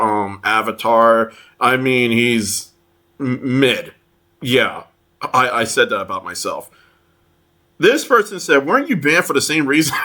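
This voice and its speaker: A man commenting on online posts, reading them aloud in a halting way with many fillers and restarts. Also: medium pitch, pushed and bright. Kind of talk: casual commentary over screenshots.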